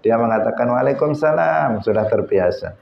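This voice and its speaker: A man teaching a religious lesson in an unhurried way, with frequent "eh" fillers, acting out greetings as he explains them. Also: lowish voice, gravelly. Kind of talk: hadith study lesson. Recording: echoey, dull lo-fi recording.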